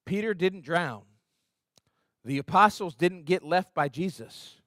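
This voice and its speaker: In a church sanctuary, a pastor with a fairly high voice delivers an earnest, conversational sermon, acting out quotations with energy. His delivery is expressive, a little slow, pushed and bright. The recording is close and dry, with almost no room echo.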